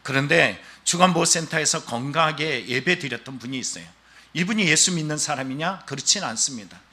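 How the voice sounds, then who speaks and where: A man's voice: fairly high pitch, fairly quick. A male pastor preaching a Sunday sermon, telling stories and acting out the voices of the people in them. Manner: animated storytelling preaching, acting out quoted voices.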